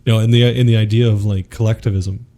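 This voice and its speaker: A man's voice: lowish voice, little pitch movement, quick pace, dark tone. A man who is a podcast guest, talking earnestly about spiritual ideas in a preacher-like way. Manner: earnest, preacher-like, quotes scripture. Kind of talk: spiritual teaching in conversation.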